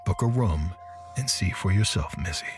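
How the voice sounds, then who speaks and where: Man reading raspy wheezy old male desk clerk, sly, low voice, audio story with music. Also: expressive, normal speed. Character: wary withered old male hotel clerk.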